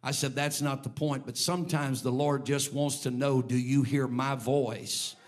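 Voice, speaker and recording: A man's voice: medium pitch, flat delivery, a little slow. A man preaching a sermon from the pulpit. He tells a story in a conversational way, then turns to urging his listeners with growing fervour. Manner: storytelling, building to fervent preaching. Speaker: bishop preaching.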